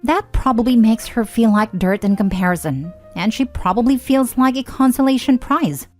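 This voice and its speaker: A woman narrating online forum stories and adding her own comments, reading expressively with frequent lifts in pitch. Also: moderate pace, a little mellow, soft background music. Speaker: story narrator.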